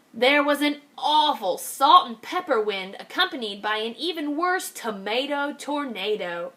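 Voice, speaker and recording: A kindergarten teacher reads a picture book aloud, her voice on the high side. Her delivery is expressive, and she slows down to stress key phrases.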